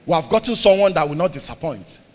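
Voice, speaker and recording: A pastor preaching a sermon, calling out questions for the congregation to answer and repeating key lines, swinging between loud declarations and soft asides. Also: male voice, fairly high pitch, animated, fast, long reverb tail.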